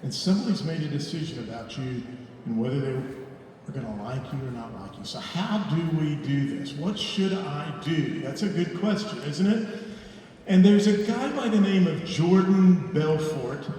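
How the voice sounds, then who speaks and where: A man who works as a real estate trainer gives an animated seminar talk to an audience, asking rhetorical questions and stressing key words. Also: a little high, moderate pace, a little hiss or hum. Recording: echoey hall recorded from far off.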